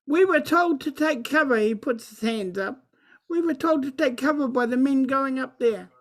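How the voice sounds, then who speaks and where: A woman playing an easygoing male hotel guest in a tabletop game, calmly talking her way through. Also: high voice, normal speed. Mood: smooth, casual. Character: male hotel guest, calm smooth-talker.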